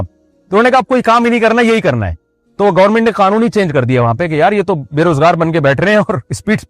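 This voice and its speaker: A man's voice: fairly high pitch, no room sound. A man from Pakistan giving a religious lecture as a preacher. He speaks conversationally, mixes in jokes, and asks his listeners many rhetorical questions. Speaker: Islamic preacher.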